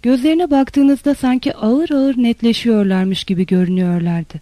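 A narrator reading a literary novel in a steady, even storytelling manner. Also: mid-range voice, normal speed, dry recording. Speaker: audiobook narrator.

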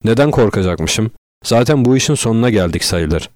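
A man's voice: lowish voice, animated, normal speed, darkish tone, no echo, studio quality, lightly acted. A man voicing a cruel, unstable male killer who growls his words with contempt. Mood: menacing.

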